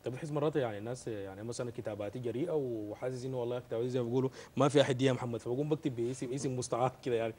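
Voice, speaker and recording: Brisk mellow Sudanese interviewer. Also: male voice, medium pitch, slight background noise. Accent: Sudanese Arabic. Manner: keeps up a steady stream of short acknowledgements. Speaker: host. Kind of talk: interview on a talk show.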